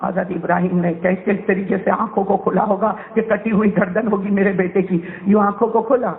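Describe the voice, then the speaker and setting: High-voiced man preaching a fiery sermon. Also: flat delivery, gravelly. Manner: emotional, swings from hushed to shouting, quizzes the audience. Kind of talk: dramatic sermon storytelling. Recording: tinny phone-like recording.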